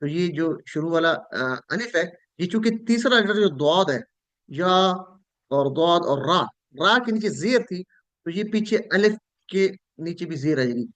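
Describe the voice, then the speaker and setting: High-voiced man teaching Arabic verbs online. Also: animated, unhurried, a bit bright. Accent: Pakistani Urdu. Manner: drills students with call-and-repeat chanting. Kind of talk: online class teaching Arabic verb forms.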